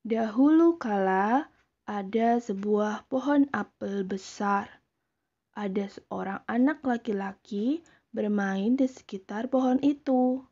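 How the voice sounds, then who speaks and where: A female teacher giving a recorded lesson for children, in a slow, clear, explanatory way. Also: on the high side, dark tone, muffled recording.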